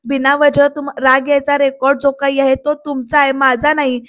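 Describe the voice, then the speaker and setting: A woman's voice: sits high, level tone, normal speed, fairly bright tone, no room sound, dull audio. A woman reading out the lines of a hurt, defiant young wife who answers sharply and reproachfully.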